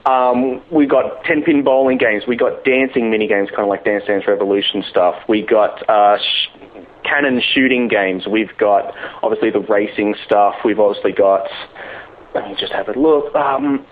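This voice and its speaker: A man's voice: lowish voice, normal speed, narrow, tinny audio. Australian man on a thin, band-limited line. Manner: jokey, informal. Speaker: lead game designer, interview guest. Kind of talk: casual phone interview. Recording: band-limited radio-like long-distance line.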